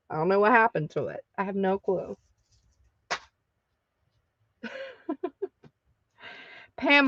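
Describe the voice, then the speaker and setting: A woman's voice: mid-range voice, muffled recording. A woman hosting a live craft sale stream, chatting casually with viewers and laughing often.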